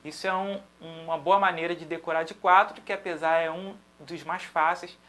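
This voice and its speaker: A Brazilian man teaching a drum lesson, patiently explaining and chanting syllables in a steady rhythm to demonstrate. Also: a little high, moderate pace. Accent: Brazilian Portuguese.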